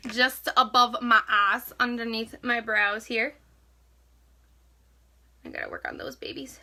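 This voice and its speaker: A woman's voice: a little high, sing-song, measured pace, pushed and bright. A young woman chatting casually at home as she walks through a makeup tutorial, joking and saying "like" a lot. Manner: chatty, joking, filler-heavy "like". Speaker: makeup vlogger.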